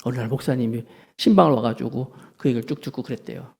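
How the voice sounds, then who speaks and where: A man's voice: fast, creaky, husky. A man preaching a sermon as pastor, telling a story and acting out the voices of its people. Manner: storytelling preacher, acts out quoted voices with lively pitch swings. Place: church sanctuary.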